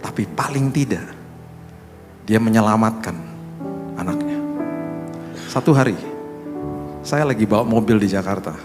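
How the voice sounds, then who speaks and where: Male pastor, storytelling sermon, animated with sound effects, reverberant hall, faint music. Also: fairly low pitch, unhurried, pauses often.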